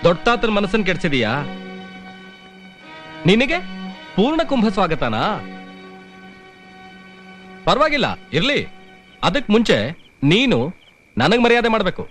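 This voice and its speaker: A man's voice: sits high, sing-song, a bit bright, faint music behind, full character voice. A young actor playing a brash village man in a film drama. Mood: menacing. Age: young adult. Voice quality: fast, brash. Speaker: film hero.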